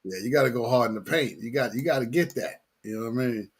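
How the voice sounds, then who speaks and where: A man's voice: mid-range voice, fast, breathy edge. A man chatting casually as host in a slangy, laid-back way, often repeating his phrases. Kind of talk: casual chat.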